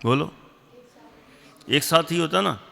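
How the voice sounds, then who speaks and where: A man teaching a religious class, slowly repeating definitions and quizzing and scolding his pupils. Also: on the high side, gravelly, pushed and bright, big-room sound. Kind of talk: classroom lesson with questions to students.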